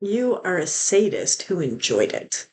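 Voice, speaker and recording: A woman hosting her own channel, delivering an indignant, emphatic opinion rant and slowing down to hammer her points home. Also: lowish voice, sing-song, a little mellow, slight background noise. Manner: indignant, emphatic, slows down to stress words. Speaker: host of a true-crime language channel.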